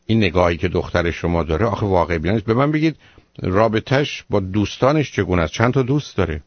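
A man's voice: deep voice, animated, no echo, muffled recording. A man hosting a radio call-in show as the advising doctor. He lectures the caller bluntly and keeps firing rhetorical questions.

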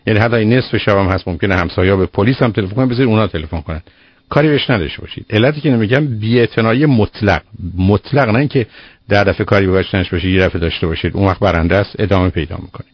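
Radio expert, male, low voice, firm and lecturing, dry lo-fi broadcast sound. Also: dry recording. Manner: firm, lecturing, explains with everyday examples. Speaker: child psychologist answering a caller. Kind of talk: radio call-in advice.

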